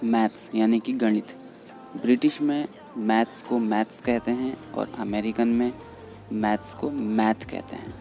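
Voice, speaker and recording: A man explaining English vocabulary in Hindi, patiently repeating each word slowly. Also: mid-range voice, steady tone, dark tone. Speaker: English teacher. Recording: faint background music under voice. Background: faint background music.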